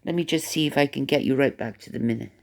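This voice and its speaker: A Welsh-accented channel host talks fast in a mid-range voice, giving rambling, gossipy commentary to camera. She's chatty and stop-start, often repeating words as she thinks aloud.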